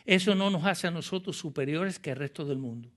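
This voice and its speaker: A man's voice: on the high side, fairly quick. A male pastor preaching a sermon with passion, asking the congregation rhetorical questions and reading scripture aloud.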